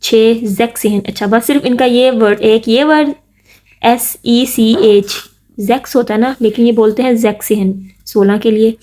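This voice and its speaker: A woman teaching in a relaxed, coaxing way, spelling each word letter by letter and then repeating it slowly. Her voice sits a little high but has a soft, mellow tone. She keeps asking the listener to say the words along with her. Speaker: language teacher. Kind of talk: casual spoken lesson.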